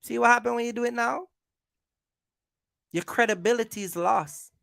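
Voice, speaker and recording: This is a casual rant to camera by a trucking vlogger and YouTube creator who confronts rivals, repeating arguments and throwing out rhetorical questions. The medium-pitched voice has vocal fry, a fairly bright tone, and normal speed, with studio-quality sound and no echo.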